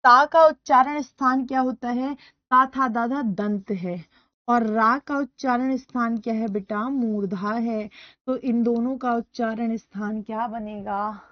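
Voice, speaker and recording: Hindi teacher woman, loud repetitive drilling. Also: fairly high pitch, measured pace, no echo, highs cut off. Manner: repeats questions and answers to students, calls them beta; loud speaker. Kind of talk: live online class.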